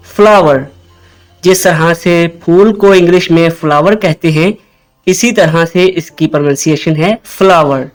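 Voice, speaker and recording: A man hosting a pronunciation lesson, patiently repeating each word slowly so listeners can say it back. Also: on the high side. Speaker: host and English pronunciation teacher.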